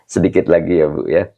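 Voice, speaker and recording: A man with a hoarse, very deep voice teaching a live online class as an Islamic teacher, explaining patiently and tagging phrases to his listeners. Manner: explains patiently, ends phrases with "begitu, Pak". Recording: dull lo-fi livestream audio.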